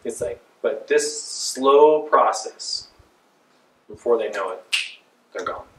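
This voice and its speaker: Over some background noise, a pastor in his forties preaches slowly in a mid-range voice from a small church pulpit. His style is loose and conversational, with animated hand gestures. A far camera records him, giving a roomy church echo.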